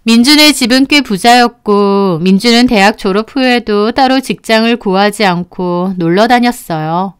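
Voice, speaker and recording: Smooth-voiced woman narrating a story. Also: medium pitch, moderate pace, few pauses. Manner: even, storytelling delivery. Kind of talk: scripted first-person story narration.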